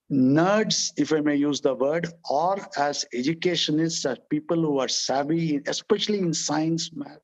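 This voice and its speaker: A man with an Indian English accent, an entrepreneur telling stories in an interview, who repeats words, restarts and often adds "okay, right?". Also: fairly high pitch. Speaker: entrepreneur guest. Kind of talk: conversational storytelling in an interview. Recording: dull lo-fi recording.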